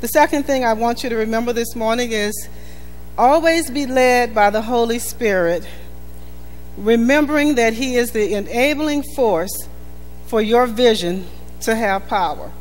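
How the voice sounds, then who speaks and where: Earnest woman preaching in a reverberant church. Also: on the high side. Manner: earnest, emphatic preaching with measured repetition. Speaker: pastor. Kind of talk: sermon. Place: church sanctuary. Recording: reverberant church hall with faint music.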